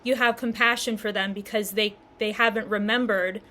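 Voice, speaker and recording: A woman's voice: medium pitch, steady tone, moderate pace. A young woman casually teaching about spirituality to her channel viewers, upbeat and often laughing as she talks. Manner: warm, giggly, upbeat with frequent laughter.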